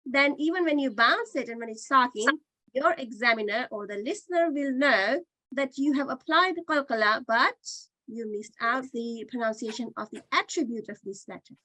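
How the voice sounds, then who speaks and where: A woman leads an online Qur'an reading class, her voice high and bright. She is patient and keeps demonstrating each sound by repeating it, heard through a dry computer mic. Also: normal speed, dry recording, rough recording.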